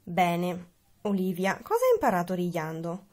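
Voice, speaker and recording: A woman's voice: lowish voice, sing-song, moderate pace, a little mellow, pitched below the performer's own voice. A woman voicing a fussy, loving mother with a raised, exasperated tone in a storybook reading.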